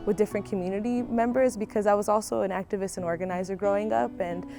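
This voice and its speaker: A woman's voice: mid-range voice, fairly even intonation, quick pace, warm tone. A young woman student and activist talking casually in an interview outdoors on a campus. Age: young adult. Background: background music.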